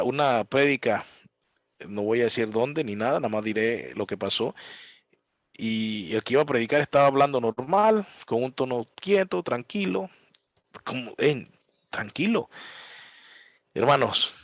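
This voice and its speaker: Animated church teacher, man. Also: medium pitch, no room sound. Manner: lively storytelling, mimics piano sounds and preachers. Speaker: Bible teacher. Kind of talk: church class lecture.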